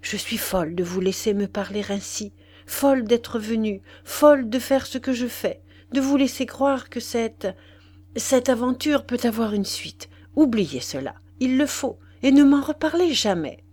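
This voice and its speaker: A woman voicing a married woman torn between guilt and love, confessing in a breathless, hushed way, in an audiobook reading. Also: on the high side, lively intonation, a little slow, pitched above the performer's own voice. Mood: anguished. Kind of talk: audiobook character voice.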